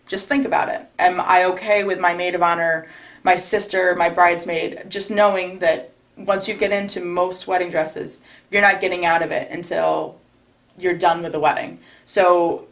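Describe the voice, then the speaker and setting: On a low-quality recording, a young recently married bride from New York state appears as a guest offering casual interview advice. Her voice sits fairly low, and she's chatty, restarting frequently.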